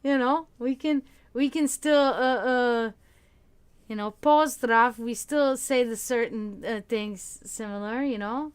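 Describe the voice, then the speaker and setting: A woman with a fairly high, smooth voice and a Serbian accent sounds tired as she hosts a livestream. Her casual chat with viewers is rambling and halting, with lots of fillers and sentences she keeps restarting.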